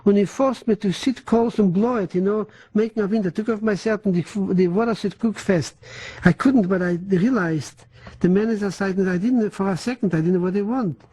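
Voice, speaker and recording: An older man who is not a native English speaker gives oral history testimony in a halting way, full of restarts and German words. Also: high-pitched, dark tone, husky, poor audio. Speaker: interviewee.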